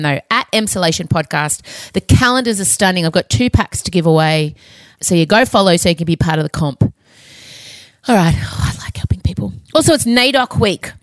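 A woman's voice: mid-range voice, a bit bright, dry recording. An Australian woman hosting a podcast in a casual, candid chat, cheeky and effusive. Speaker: podcast host. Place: home, close dry recording.

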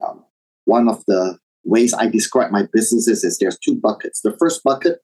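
A middle-aged man from Taiwan, raised in Indonesia, speaking as an interview guest in a measured, reflective way with some fillers. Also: on the low side, a little mellow, rough recording. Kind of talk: interview, personal background.

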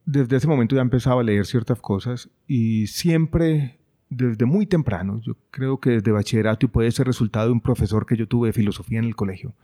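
A middle-aged man, a guest in an interview, speaking in a thoughtful, measured way with frequent hesitations. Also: lowish voice, mellow. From Colombia. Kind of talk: reflective conversation.

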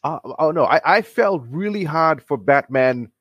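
A man in his forties from Fiji, a comic creator talking as a podcast guest, friendly and halting with many restarts. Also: fairly high pitch, animated, breathy edge, no echo, dull audio. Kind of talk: casual interview.

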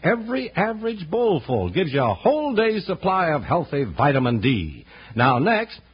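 Lively folksy announcer, man, husky voice, dull radio. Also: a little high, moderate pace. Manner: chummy, folksy. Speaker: announcer and narrator. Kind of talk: 1950s kids' radio announcing and narration. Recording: dull old radio recording.

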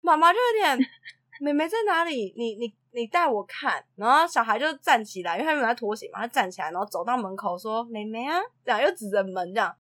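A woman's voice: a little high, quick pace. A woman, a preschool teacher telling anecdotes in a casual chat and acting out the quotes. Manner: animated storyteller who acts out quotes and laughs often. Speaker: preschool teacher and podcast co-host.

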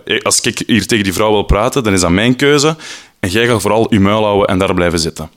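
A man's voice: fairly low pitch, fast, natural voice. A man with a Flemish accent voicing an aggressive young man on a tram, brash, taunting and crude.

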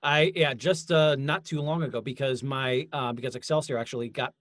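A man's voice: mid-range voice, brisk, fairly bright tone, no room sound. Casual, rambling man in a dry recording. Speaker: author. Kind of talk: casual conversation.

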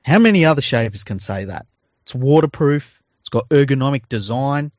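A man's voice: medium pitch, lively intonation, moderate pace, no echo, lo-fi sound. An Australian man co-hosting a podcast in casual chat and informal ad reads, with a jokey, informal manner. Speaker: podcast co-host.

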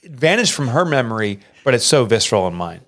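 A middle-aged entrepreneur and author speaks earnestly and emotionally about a personal experience in an interview. His voice is expressive and a bit bright, moving at a quick pace and jumping up in pitch when he quotes people.

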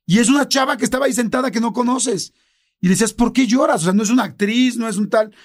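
A man's voice: very high-pitched, fast talker. A middle-aged man with a Mexican accent, casually telling a story on a podcast and acting out the dialogue. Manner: animated, acts out quoted dialogue in many voices. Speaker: podcast co-host.

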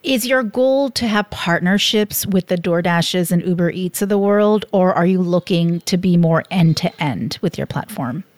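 A woman hosting an interview, asking clear, composed questions. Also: on the low side, measured pace, few pauses. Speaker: interview host. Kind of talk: interviewing a guest.

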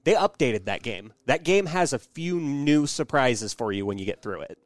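A man's voice: mid-range voice, animated, normal speed, no echo, clean studio sound. A man co-hosting a podcast, talking casually about video games. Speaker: podcast co-host.

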